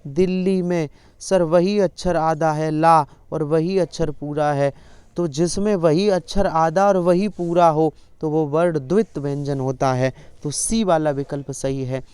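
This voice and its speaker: A man's voice: on the high side, fairly even intonation, unhurried, a little mellow, clear, resonant tone, dry recording. A male teacher running an exam-prep lesson, repeatedly coaxing students to answer his questions.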